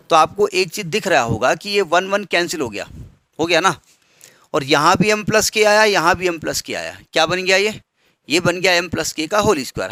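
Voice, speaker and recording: Bright-voiced maths teacher, patient. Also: male voice, fairly high pitch, no echo. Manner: patient, step-by-step, quizzing students with questions. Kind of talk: blackboard maths lecture.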